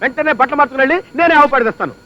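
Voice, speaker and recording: A glib, teasing husband. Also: male voice, very high-pitched, rapid-fire. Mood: coaxing. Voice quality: wisecracking, chatty. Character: joking middle-aged husband, teasing and glib. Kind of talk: film comedy acting. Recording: dull lo-fi film audio.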